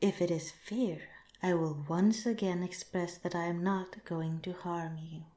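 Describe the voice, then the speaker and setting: Playing a calm, curious alien researcher, a woman delivers an ASMR roleplay in a soft, partly whispered voice that sits on the low side. The acting is light, and her phrasing is formal, measured and clinical. Her voice echoes in a roomy recording.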